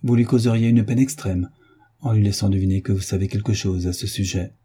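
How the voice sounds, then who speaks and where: A man voicing an elderly, grey-bearded village priest who speaks gravely with a melancholy tone, in an audiobook reading. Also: fairly low pitch, steady tone, fairly quick, dark tone.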